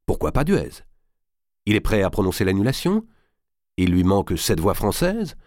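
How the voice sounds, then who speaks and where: A man's voice: fairly low pitch, very animated, moderate pace, darkish tone, no room sound, clean studio sound. A man reading aloud and voicing a young, impatient and stubborn king with an imperious manner. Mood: insistent. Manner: imperious, pressing.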